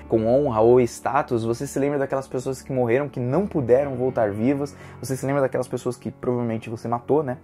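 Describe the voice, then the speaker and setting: Excitable Brazilian man reviewing manga. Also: mid-range voice. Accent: Brazilian Portuguese. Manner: animated, emotional retelling with slangy fillers. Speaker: manga reviewer, channel host. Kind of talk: casual video review.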